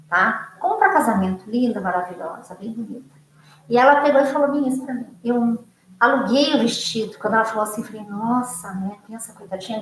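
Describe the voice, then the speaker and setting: A woman's voice: medium pitch, reverberant, a little hiss or hum, poor audio. Brazilian woman psychologist chatting to students. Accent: Brazilian Portuguese. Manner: warm, conversational, many "né?" tag questions. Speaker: psychologist and teacher. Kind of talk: casual talk answering students' questions.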